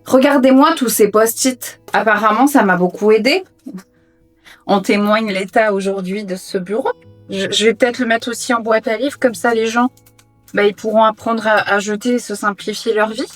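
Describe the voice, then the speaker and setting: A woman's voice: fairly high pitch, fairly even intonation, normal speed, soft background music. A young woman chatting casually to her viewers while she sorts books in her room at home, joking about herself as she goes. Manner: chatty, self-mocking, talks to viewers while sorting books. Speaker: booktuber tidying her reading room. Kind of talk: casual vlog chat while tidying.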